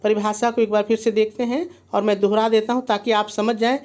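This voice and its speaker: A man's voice: high-pitched, level tone, a little fast, a little mellow. A man teaching a poetry lesson, counting syllables aloud methodically and guiding students with frequent prompts to look and check. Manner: guides with frequent "see" and "okay" prompts. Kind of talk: online grammar lesson.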